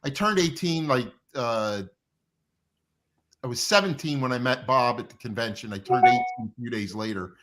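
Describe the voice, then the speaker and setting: This is a very noisy recording of a man's mid-range voice at a moderate pace. He's a middle-aged or older comic book artist, appearing as a guest and spinning rambling tales of his working life in a casual, reminiscing interview.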